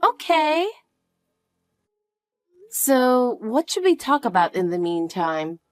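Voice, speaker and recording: Voiced by a woman, a soft-spoken mother reassures her child in a slow, unhurried voice that still rises and falls with feeling. She sounds protective and calm. The recording is close and dry. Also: mid-range voice, dry recording, faint music behind. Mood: soothing. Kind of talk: one-voice audio drama.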